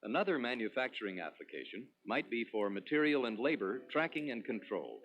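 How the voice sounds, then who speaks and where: A man presenting a product demonstration in a scripted, instructional promotional narration with clearly structured delivery. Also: medium pitch, sing-song, a little fast, fairly bright tone. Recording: dull lo-fi 1980s demo recording.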